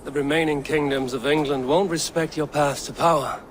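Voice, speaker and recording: An actor playing a seasoned Viking warrior who speaks in a measured, steady way. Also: male voice, on the high side, slight background noise, natural voice. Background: music.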